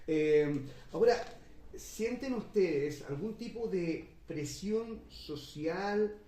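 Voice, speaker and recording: A man moderates a literary panel discussion, measured and unhurried, pausing often on long fillers. His voice is a little high for a man, with a dark, mellow tone. He sits some distance from the mic in a roomy, echoing space. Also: expressive. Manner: measured, many drawn-out "eh" fillers.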